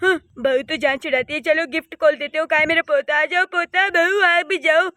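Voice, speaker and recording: A woman voicing a sharp-tongued old village mother-in-law who scolds and complains in a cartoon story. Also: sits high, steady tone, normal speed, no echo. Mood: scolding. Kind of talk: cartoon voice acting.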